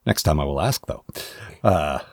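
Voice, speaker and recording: A man's voice: rumbling low, animated, moderate pace, gravelly, a little mellow, no room sound, clean studio sound. A man co-hosting a podcast, rambling and hesitant in casual chat. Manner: rambling, hesitant, many fillers. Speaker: podcast co-host.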